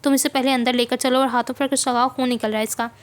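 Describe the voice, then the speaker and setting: A woman's voice: high voice, little pitch movement, quick pace, lightly acted. A woman voicing a kind female friend who comforts a grieving mother and promises help. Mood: concerned. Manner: comforting, concerned. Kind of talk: novel reading.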